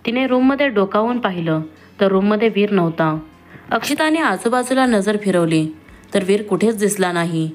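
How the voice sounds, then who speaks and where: A woman reading a family love story aloud, voicing each character in her own voice with dialogue pitched a little higher. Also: animated, moderate pace, faint music behind. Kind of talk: scripted story narration.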